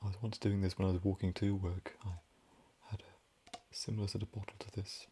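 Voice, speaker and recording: A man in soft-spoken, whispered role-play, rambling gently and drifting between a whisper and a low voice. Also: flat delivery, brisk, background noise. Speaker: ASMR creator.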